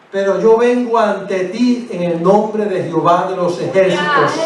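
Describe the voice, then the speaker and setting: A young shepherd boy declares his defiance to a giant, as a preacher puts him on. The voice stays high and firm. It is heard from far off in a very echoey church with faint noise behind. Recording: echoey church from a distant mic.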